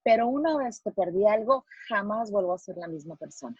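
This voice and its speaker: Husky Mexican woman lecturing students. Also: mid-range voice, lively intonation, fairly quick, darkish tone, no room sound, highs cut off. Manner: earnest and explanatory, acting out quoted phrases. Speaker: psychologist giving a talk to students.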